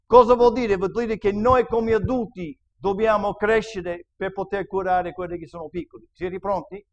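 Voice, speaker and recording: High-voiced Italian-speaking man preaching. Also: steady tone, normal speed, muffled recording. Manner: earnest, fervent preaching. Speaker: pastor. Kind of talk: sermon with Bible reading and prayer. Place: church service.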